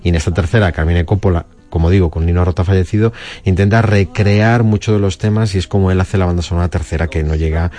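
Male radio commentator, deep and mellow, quick conversational explanations. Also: fairly even intonation, soft background music. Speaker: film music commentator.

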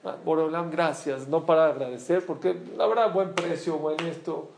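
A man's voice: a little high, normal speed, creaky. A middle-aged man, a religious speaker telling a story and acting out the people in it. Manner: animated, acts out characters' voices. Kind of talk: storytelling talk with acted quotes.

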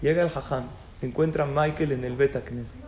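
A man's voice: mid-range voice, fairly even intonation, fairly quick, darkish tone, a little hiss or hum. A man giving a religious talk to an audience, telling stories and asking them questions. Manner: storytelling, asks the audience questions. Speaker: rabbi lecturer. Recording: echoey room with faint ambience.

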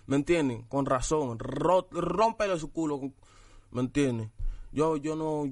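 A young man speaks in a slightly high voice. He is a rapper guest in a casual interview, blunt and tough, checking in with the listener again and again. The sound is very dry and close. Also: measured pace, dry recording. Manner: blunt, tough street talk with repeated tag questions.

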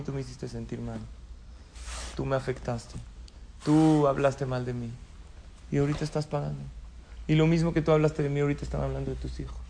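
A man voicing a bitter middle-aged man who refuses to forgive, speaking quietly and accusingly. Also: on the high side, creaky, slight background noise, poor audio.

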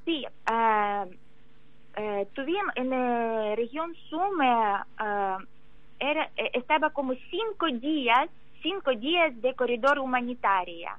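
An emotional woman with a Ukrainian accent gives interview testimony haltingly, searching for words in a language that is not her own. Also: sits high, lively intonation, no echo, phone-quality sound. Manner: halting, searching for words in non-native Spanish. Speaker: interview guest.

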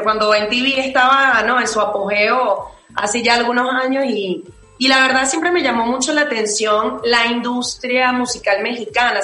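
A woman's voice: a little high, pushed and bright, reverberant, low-quality recording. A singer-songwriter woman from Venezuela in her late twenties, answering interview questions thoughtfully with many fillers and restarts.

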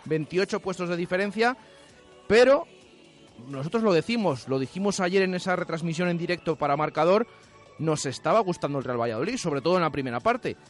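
A man's voice: high voice, lively intonation, a little fast. A man with an accent from Spain co-hosting a sports radio chat, emphatic and repeating phrases to stress them. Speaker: co-host of a local sports radio show. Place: radio studio. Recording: music bed behind.

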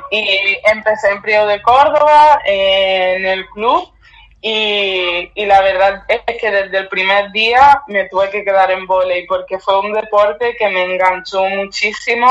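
A young woman born in Cuba and raised in Spain, a guest volleyball player, answers interview questions chattily and casually, laughing often. Her mid-range voice is a little slow, coming over a dull lo-fi remote line from abroad.

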